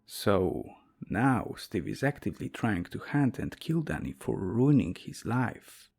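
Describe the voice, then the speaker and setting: A man's voice: fairly low pitch, lively intonation, measured pace, creaky, darkish tone. A man reading a horror story aloud as a narrator, with a dry, wry storytelling delivery.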